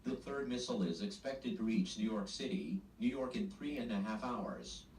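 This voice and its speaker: A computer-processed male voice reading an emergency broadcast alert in a flat, scripted way, played from a television in a home. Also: lowish voice, moderate pace, far from the mic, slight background noise. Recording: echoey TV speaker heard from across the room.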